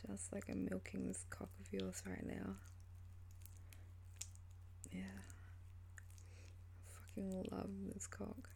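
A woman with a sultry voice performs a whispered role-play as a seductive lover. She speaks very slowly and teasingly, often dropping into a breathy whisper. Her tone is mellow, with a creaky edge. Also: medium pitch, monotone, a little hiss or hum. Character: flirtatious, teasing female lover.

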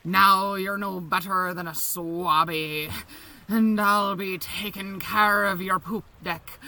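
A woman's voice: mid-range voice, bright, forceful tone, heavily acted. A woman voicing a bawdy, domineering female pirate captain in a stage-pirate brogue with growled arrs, mocking and commanding. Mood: gloating. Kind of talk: adult audio roleplay.

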